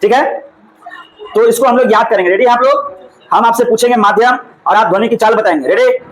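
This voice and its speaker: Very high-voiced teacher. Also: male voice, poor audio. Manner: brisk, prompting, urging students to speak louder. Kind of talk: classroom drill, call-and-response. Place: classroom.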